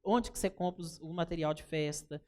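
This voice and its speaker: A man with a Brazilian accent teaching a live workshop, chatty and animated, often turning to the audience with anecdotes. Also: a little high, fairly quick. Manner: animated, chatty, keeps calling the audience "gente" and telling anecdotes. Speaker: workshop instructor.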